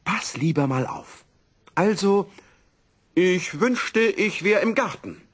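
A man voicing an absent-minded, excitable old male professor who exclaims and wonders aloud, in a storybook reading. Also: mid-range voice, normal speed, very noisy, voice pushed up, close to an everyday voice. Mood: eager.

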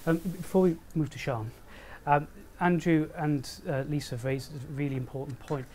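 A man's voice: a little high, steady tone, normal speed, mellow. A man chairing a barristers' panel in a seminar room, earnest and checking in with his audience. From Wales. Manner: earnest, checks in with 'all right?'. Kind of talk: moderating a panel talk.

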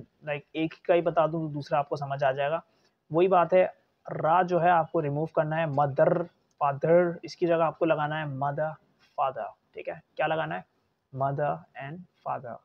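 A young man gives a relaxed pronunciation lesson, saying each word slowly and more than once. His voice sits a bit high and has a gravelly, creaky edge. The recording sounds dull and lo-fi. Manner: patient, repeats words slowly, chatty asides. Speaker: English pronunciation teacher. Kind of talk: casual spoken lecture.

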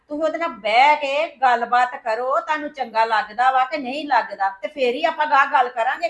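A woman plays a persuasive sister in a family drama. Her voice sits high, and she keeps coaxing and pressing her point. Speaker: actor in a family skit. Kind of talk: scripted Punjabi family drama.

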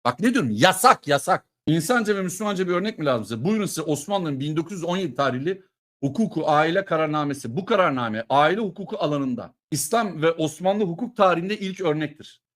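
A middle-aged man giving a heated political monologue, sarcastic and emphatic, at times breaking into shouts. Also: fairly high pitch, lively intonation, fast talker. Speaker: political commentator.

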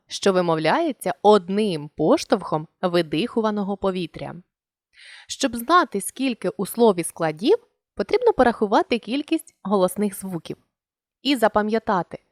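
Lively, dry-voiced woman teaching a lesson. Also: mid-range voice, dry recording. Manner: clear, deliberate, stretches example words slowly. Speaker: channel host and language teacher. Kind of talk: scripted lesson narration.

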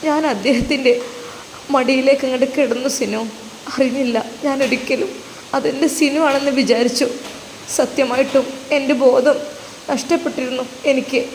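A woman's voice: sits high, steady tone, moderate pace. A woman voicing an emotional young wife who speaks earnestly and devoutly. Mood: heartfelt. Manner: heartfelt, pleading. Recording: reverberant room with faint noise.

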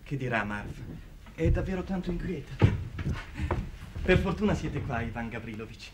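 Naive excitable young man, played by an actor, lively, rather high voice, chatty, faint hiss of an old 1950s TV recording. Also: moderate pace, close to an everyday voice. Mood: apologetic. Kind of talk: 1950s television drama acting.

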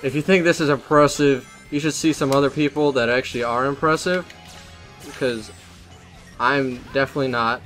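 A man's voice: mid-range voice, fairly even intonation, moderate pace, a bit bright, faint music behind. A young man doing let's play commentary, rambling and self-deprecating as he talks over his gameplay. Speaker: gaming commentator.

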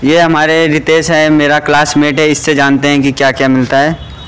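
A man's voice: a little high, completely flat delivery, normal speed, fairly bright tone, clear, resonant tone. A young man vlogging casually, giving an upbeat, chatty tour of an outdoor college canteen and talking straight to his viewers as friends. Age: young adult. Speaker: student vlogger touring a campus canteen. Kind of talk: casual walking vlog. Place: outdoor college canteen under a metal roof. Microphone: small handheld clip mic held near mouth.

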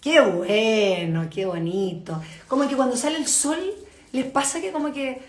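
A woman's voice: a little high, unhurried. Chatty woman hosting a live stream. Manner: chatty, greets viewers by name. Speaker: host. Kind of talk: casual live-stream chat. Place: open-plan home beside a kitchen. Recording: echoey room.

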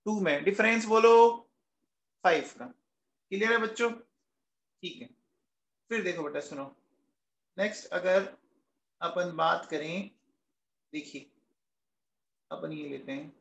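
High-voiced chemistry teacher, slow and coaxing. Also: male voice, gravelly, a bit bright, echoey room, low-quality recording. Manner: coaxing, asks students questions and answers them himself; calls students "beta" and "bachche" affectionately. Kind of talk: classroom lecture.

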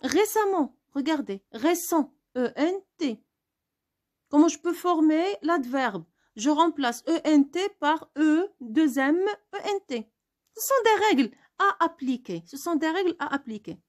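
A woman's voice: sits high, animated, a little slow, darkish tone. A woman teaching a spelling lesson, spelling words out letter by letter and asking questions she answers herself.

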